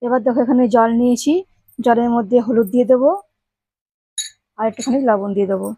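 A woman hosts her own home cooking video, talking directly to her viewers and walking them through each step. Her voice sits a little high with a soft, mellow tone. The sound is dry and close, with no room echo. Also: steady tone, fast, breathy edge. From Bengal. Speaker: home cooking channel host. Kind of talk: casual cooking demonstration.

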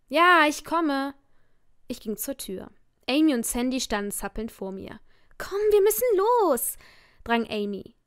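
Woman reading a romance audiobook, first person, expressive, slightly high voice. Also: no room sound, studio quality. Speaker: audiobook narrator. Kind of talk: audiobook narration of a romance novel.

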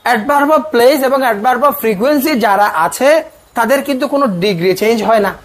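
A teacher races through an exam-coaching grammar lecture in a mid-range voice, repeatedly asking the class questions and answering them himself. His manner is casual, addressing students as "tumi."

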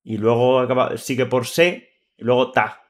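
A young man from Spain with a mid-range voice and a Spanish accent from Spain talks through a reaction video in a loose, excitable way. He jokes playfully and keeps up a running commentary. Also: medium pitch, normal speed.

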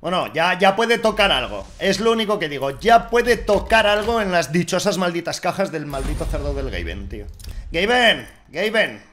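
A man from Spain giving casual, exasperated commentary on a game, with jokes that swing between low mutters and loud outbursts. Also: very animated, brisk, few pauses, a little hiss or hum. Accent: Spain Spanish. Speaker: gaming YouTuber. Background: background music.

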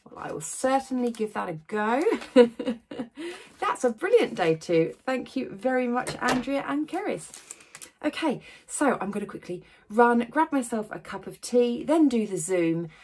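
A woman's voice: fairly high pitch, big pitch swings, moderate pace, a little mellow, breathy edge. A woman vlogging in a casual, chatty way, a little out of breath, laughing now and then as she talks. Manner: chatty, breezy, laughs between sentences. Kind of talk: casual vlog chat.

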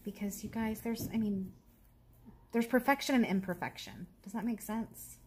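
A crafting vlogger in her thirties chats casually with viewers as she works, rambling and poking fun at herself, sometimes dropping to a soft whisper. Her voice is medium-pitched and slightly rough, at normal speed.

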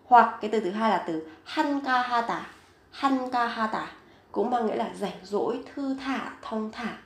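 A woman teaching a vocabulary lesson, saying each word several times, slowly and clearly. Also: a little high, animated, roomy sound. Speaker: Korean language teacher.

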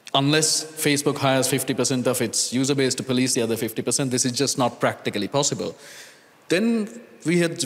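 Sri panelist in his thirties, earnest and deliberate, mid-range voice, handheld mic, long hall reverb. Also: mid-range voice. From Sri Lanka. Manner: earnest, deliberate, with pauses and restarts. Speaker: conference panelist, data scientist. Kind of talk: conference panel talk. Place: large conference hall stage. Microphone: handheld microphone. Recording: reverberant conference hall sound.

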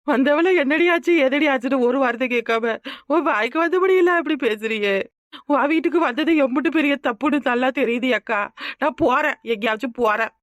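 A quarrelsome young village wife in a cartoon, played by a woman, pouring out her grievances. She talks high and quick in a stream of complaint. The recording is close and dry. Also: no room sound, lightly acted. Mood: tearful. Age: young adult. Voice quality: rapid, complaining talk. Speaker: cartoon character. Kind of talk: cartoon voice acting.

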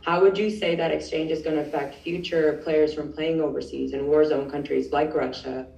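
Low-voiced woman reporter, distant and echoey. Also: fairly even intonation, moderate pace, gravelly, mellow, muffled recording. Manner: earnest, slightly tangled questions. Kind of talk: press conference questions. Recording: distant echoey remote audio.

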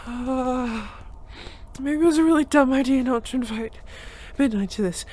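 Woman voicing a breathless gentle reborn spirit. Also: sits high, moderate pace. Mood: breathless, grateful. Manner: breathless, sighing and laughing nervously. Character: young male reborn spirit, gentle and emotional. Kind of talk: audio role-play to a listener.

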